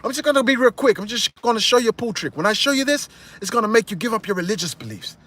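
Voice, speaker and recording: A man puts on a wary ex-convict who plays it cool, breezy on the surface while planning his way out. The voice is lifted high and lively. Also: fast.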